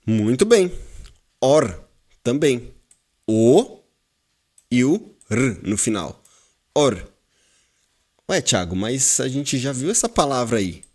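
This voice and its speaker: A man with a Brazilian Portuguese accent teaching a class, explaining slowly and repeating words while quizzing his students. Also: mid-range voice, very animated, a little mellow, breathy edge. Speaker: Hebrew teacher. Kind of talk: classroom lesson.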